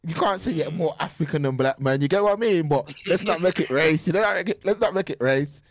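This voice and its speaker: Guy chatting on a podcast call, kinda high voice, dry sound, lots of restarts. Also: a little fast, no echo. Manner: opinionated, chatty, frequent restarts. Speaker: podcast co-host. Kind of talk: casual opinion chat. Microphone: remote call audio.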